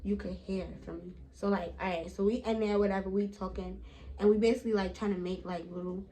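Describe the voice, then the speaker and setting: A woman's voice: medium pitch, fairly even intonation, fairly quick, dark tone, poor audio. Chatty young New woman. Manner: chatty, slangy, many fillers and asides to viewers. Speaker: vlogger. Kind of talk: casual storytime chat.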